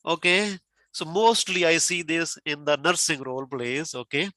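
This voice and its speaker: A man's voice: on the high side, moderate pace, bright, forceful tone, no echo. A man speaking as a tutor, giving instructive feedback, repeating phrases and checking that he is followed.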